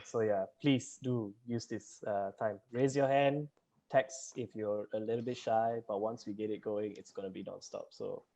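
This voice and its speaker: A host with a lowish, darkish voice leads an online student townhall via video call, where the audio comes through muffled. He's chatty and rambling, frequently laughing and full of fillers.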